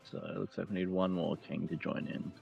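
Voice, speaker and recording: Deep gravelly guy co-hosting a game stream, casual, muffled mic. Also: level tone, fairly quick. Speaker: stream co-host. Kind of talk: casual game livestream chat. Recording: muffled roomy mic, music behind. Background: music.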